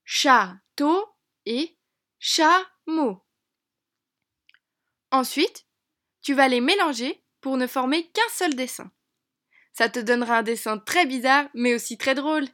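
A woman teacher narrating a lesson for young children in an encouraging, clear way, slowing down on key words. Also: high voice. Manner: bright, encouraging, speaks slowly to a child.

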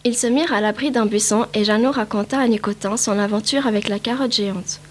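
A woman's voice: medium pitch, a little fast, a little hiss or hum. A woman narrating a picture book aloud, reading carefully with small slips. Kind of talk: storybook read-aloud.

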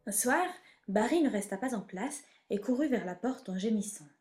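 A woman reading a children's storybook aloud in an expressive, measured way. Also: on the high side.

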